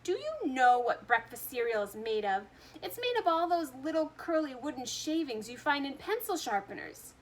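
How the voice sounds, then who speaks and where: A woman voicing an eccentric, excitable male chocolatier with theatrical exclamations in a storybook reading. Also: high voice, moderate pace, slight background noise. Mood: indignant.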